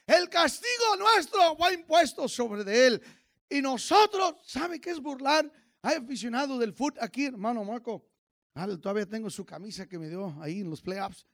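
High gravelly preacher man. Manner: swings from shouted sung praise to low storytelling; joking, chatty asides to the congregation. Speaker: pastor. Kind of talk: sermon. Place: church.

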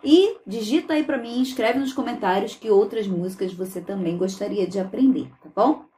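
A woman teaching how to sing English songs in Portuguese. She talks in a chatty way, often adds "tá bom?", and stretches the lyric words out slowly to model them. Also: mid-range voice, dark tone. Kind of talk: song pronunciation lesson.

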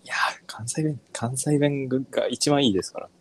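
A man from northern Kyushu, Japan, co-hosting a podcast in relaxed, chatty conversation, often trailing off and restarting. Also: mid-range voice, moderate pace. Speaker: podcast co-host. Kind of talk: casual chat.

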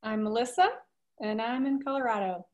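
Guest: friendly woman, slightly high voice, easygoing, at home on a video call. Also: moderate pace, highs cut off. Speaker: podcast guest. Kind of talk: casual chat about astrology. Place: home room with bookshelves.

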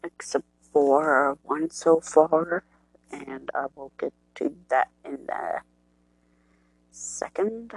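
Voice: mid-range voice, drawn-out words, creaky, slightly rough, low-quality recording. A podcast host rambling casually to viewers. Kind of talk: casual chat.

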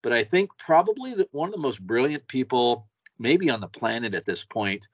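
A man's voice: mid-range voice, expressive, moderate pace, no room sound. Eager man chatting, dry close sound. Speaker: podcast co-host. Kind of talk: casual chat.

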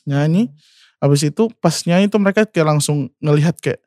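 Young male guest, slightly high voice, emotional and halting, dry close sound. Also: a little mellow, dry recording. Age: 20s. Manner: emotional, refers to himself by name, many fillers. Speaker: singer guest. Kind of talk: personal storytelling.

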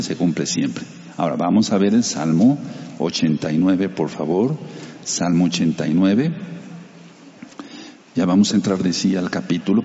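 A man with a low, mellow voice preaches a sermon, reading Bible passages and turning to the congregation to explain them. The sound is dull and carries a long hall reverb. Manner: reads scripture then explains it, addressing the congregation; uses Hebrew terms for sacred names.

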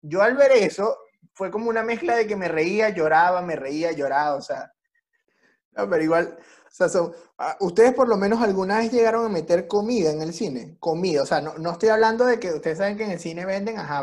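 A Venezuelan man hosting a casual chat, telling lively stories and laughing often. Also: high voice, normal speed. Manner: animated storyteller, laughs often.

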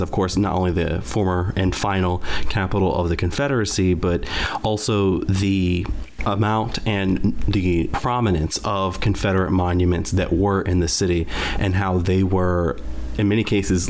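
Man, low voice, podcast host, thoughtful questions, faint background noise. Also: darkish tone. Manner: thoughtful, long winding questions. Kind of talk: interview.

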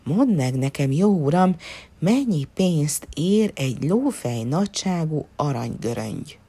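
A crafty, good-humoured peasant from a storybook folk tale, read by a woman. He speaks low and calm, with a lively, teasing lilt that hides how much he knows. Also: breathy edge, exaggerated voice. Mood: sly. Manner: sly and easygoing. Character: poor cunning male peasant, cheeky and calm.

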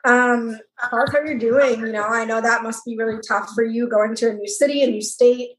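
A woman's voice: fairly high pitch, steady tone, a little fast, fairly bright tone, echoey room, poor audio. A young woman co-hosting a casual podcast, talking in a reassuring, supportive way with lots of filler words. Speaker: podcast co-host.

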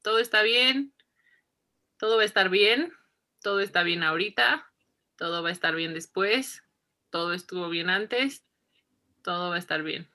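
A woman's voice: medium pitch, normal speed, pauses often, bright, forceful tone. A woman, reflecting in a casual interview, who repeats herself and laughs often. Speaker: interview guest.

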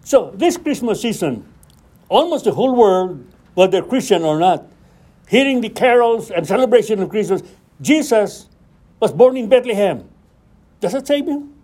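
A man leads a Bible study in a high but mellow, dark-toned voice. He preaches, acting out the scripture dialogue and rising into questions. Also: very animated, normal speed, pauses often.

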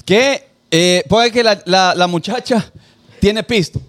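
High-voiced animated podcast man. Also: takes it slowly. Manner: animated, repeats himself when making a point. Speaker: podcast co-host. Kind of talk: casual chat.

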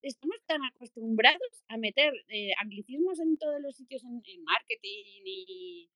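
A woman from Spain tells stories in a casual online chat, laughing as she goes and acting out what people said. Her voice sits fairly high. The sound is dry, with no room echo. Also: expressive, normal speed, bright, forceful tone. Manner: laughing storyteller, acts out dialogue. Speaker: guest. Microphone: online audio room.

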